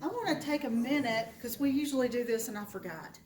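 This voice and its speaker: A woman's voice: on the high side, expressive, brisk, a crowd in the background. A woman running a club meeting, making upbeat, welcoming announcements. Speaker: meeting organizer.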